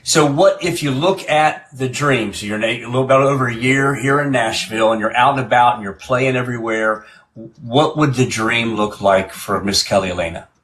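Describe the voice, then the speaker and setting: Guy hosting a music livestream, average pitch, chatty, keeps restarting his sentences. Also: moderate pace, a bit bright, poor audio. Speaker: live-stream music show host. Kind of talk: casual hosting chat.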